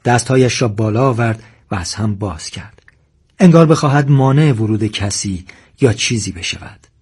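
A man narrating an audiobook story in a measured storytelling manner. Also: on the low side, lively intonation, darkish tone, slightly rough.

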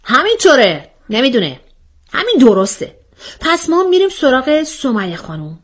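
A woman's voice: sits high, huge pitch swings, voice pushed up, heavily acted. A woman voicing a bossy young woman who questions her friends in a mock-formal tone in a read-aloud story. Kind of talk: storybook voice acting.

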